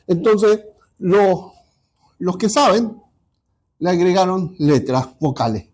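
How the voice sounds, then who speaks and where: A man teaching a Bible study class, pausing often and checking in with his listeners. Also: high voice, mellow. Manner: halting, repeats ¿ya? to check understanding.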